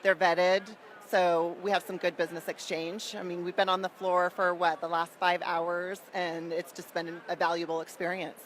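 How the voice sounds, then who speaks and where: A woman's voice: on the low side, flat delivery, normal speed, few pauses. A woman exhibitor at a trade show booth, friendly and promotional when answering questions.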